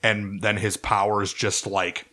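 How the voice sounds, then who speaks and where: Profane rambling podcast guy, low voice. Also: flat delivery, takes it slowly, sharp tone. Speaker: podcast co-host. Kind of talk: casual chat.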